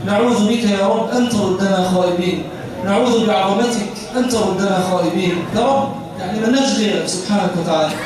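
A man with an Egyptian accent leading a congregation in fervent supplication, repeating pleading phrases in a steady rhythm. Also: high voice. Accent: Egyptian Arabic. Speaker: imam leading prayer. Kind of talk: fervent supplication during night prayers. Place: large mosque prayer hall. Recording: echoey hall from far off, crowd behind.

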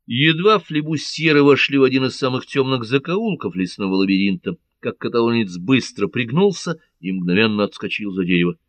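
A man narrating an adventure audiobook in a measured, dramatic reading. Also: on the low side, no room sound.

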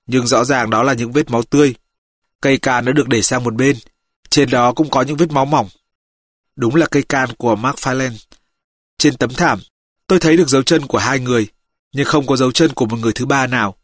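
A man reading an audiobook, voicing a calm, methodical male detective who reports his findings steadily. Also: medium pitch, dry recording, studio quality, natural voice.

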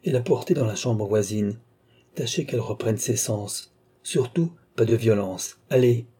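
A man reading the part of a cold, shrewd police magistrate in an audiobook, brisk and commanding. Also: fairly low pitch, lively intonation, dark tone, husky.

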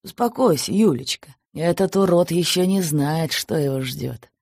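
A powerful older father calms his daughter in a low, quietly menacing voice as a woman narrator plays him. The tone is husky and deep for her, in a dry close recording. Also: normal speed, dry recording, full character voice. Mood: soothing menace. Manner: low, soothing but menacing. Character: stern older father, a powerful deputy, protective.

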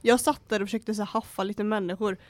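A young woman chatting casually as podcast co-host, animated and swearing, acting out what people said. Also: medium pitch, dry recording. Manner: animated, swears and laughs, acts out quotes. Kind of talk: casual chat.

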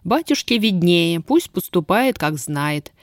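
A woman's voice: on the low side, sing-song, a little slow, no echo, clean studio sound. A woman reading an audiobook, voicing an earnest young male army officer who pleads in love and speaks steadily. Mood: steady. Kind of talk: audiobook character voice.

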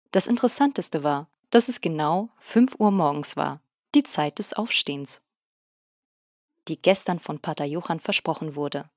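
A woman reads a story aloud in a steady, measured way, her voice on the low side. The recording is dry and close, with no room sound. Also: no echo. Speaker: narrator. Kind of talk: audiobook narration.

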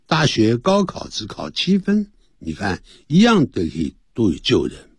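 A man teaching English on a radio lesson, explaining phrases in Chinese and reading English words slowly. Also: medium pitch, huge pitch swings, breathy edge, no room sound. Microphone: studio mic.

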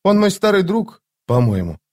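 A man voicing a frightened, confused young woman with a high, breathless voice in an audiobook. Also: huge pitch swings, moderate pace, a little mellow, exaggerated voice. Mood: wondering.

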